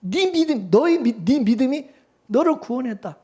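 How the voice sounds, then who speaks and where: A male pastor with a very high, slightly rough voice preaches a sermon at normal speed. He fires rhetorical questions at the congregation, swinging between loud urging and hushed calm.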